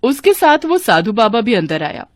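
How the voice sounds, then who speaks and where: A woman's voice: a little high, moderate pace, dry recording, studio quality. Woman narrating a dramatic kids' ghost story. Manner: expressive, dramatic. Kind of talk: scripted narration.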